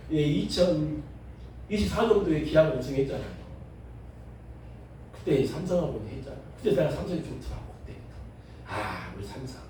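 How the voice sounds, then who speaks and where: Jeolla pastor teaching a Bible class, high and lively voice, dark tone, heard from far off in an echoey classroom. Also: male voice, slight background noise. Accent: Jeolla Korean. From Jeolla, South Korea. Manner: lively, joking, asks the class questions. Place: seminary classroom. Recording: echoey room, recorded from a distance.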